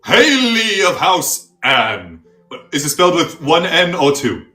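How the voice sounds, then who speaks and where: A grandiose pickle priest, as a man puts him on, who delivers solemn mock-archaic decrees at a slow, stately pace. His pitch swoops from deep, dropped tones to sudden lifts. The room is roomy and echoey. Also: wildly swooping pitch, bright, forceful tone, heavily acted. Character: pompous self-styled male pickle priest. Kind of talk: comedic character interview.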